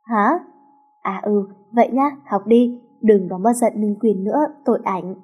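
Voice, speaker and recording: A woman's voice: mid-range voice, fairly even intonation, a little slow, husky, highs cut off. A woman voicing a chatty teenage schoolgirl friend.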